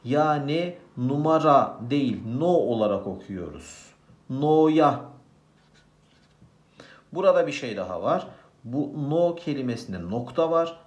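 A man's voice: mid-range voice, very animated, slow pace, darkish tone, echoey room. A man teaching a grammar lesson, asking questions and answering them himself.

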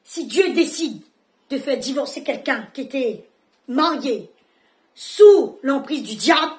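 A woman pastor preaches with fervour at a church service. Her voice sits high, and she hammers her points home by repeating short phrases. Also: animated, takes it slowly. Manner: emphatic, repeats phrases for effect. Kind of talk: fervent sermon.

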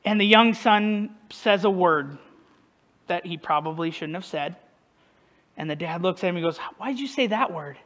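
A man's voice: high voice, fairly even intonation, normal speed, pauses often, a bit bright. A male pastor preaching a casual sermon, conversational and self-deprecating, who often puts questions to the congregation. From northern United States.

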